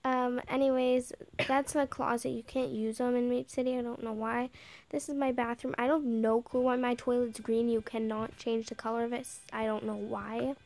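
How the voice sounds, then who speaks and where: A young girl who owns the channel gives a casual house tour in a game on a handheld device, chatting and often drifting into whispers as she plays. Her female voice is a little high, gravelly and a little mellow, with little pitch movement at a moderate pace.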